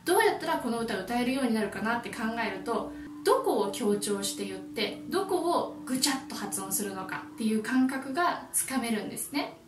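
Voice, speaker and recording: A woman's voice: on the high side, a little fast, hardly any pauses, echoey room, distant mic, background noise. Upbeat Japanese woman teaching English. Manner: friendly, explanatory, lively. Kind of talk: YouTube language lesson.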